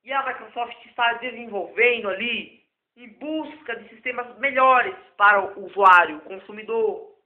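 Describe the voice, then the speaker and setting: In a very high, hoarse voice and at normal speed, a man who taught himself computers delivers an off-the-cuff lesson, wandering and going back over the same points. The audio is thin and phone-like, recorded in a roomy space with heavy echo.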